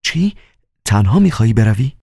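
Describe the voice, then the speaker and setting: A man's voice: mid-range voice, sing-song, vocal fry, darkish tone, breathy edge, no room sound, clean studio sound, pitched above the performer's own voice, full character voice. A man voicing an anxious, lovesick young man who pleads in a trembling, childlike whisper. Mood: pleading. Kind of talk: audiobook character voice.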